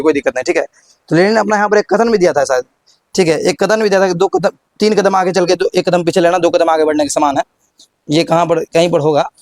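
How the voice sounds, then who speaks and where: A man's voice: high-pitched, no echo. A young male teacher with a Bihari Hindi accent gives a classroom history lesson, repeating his questions and prompting students, often stumbling and restarting.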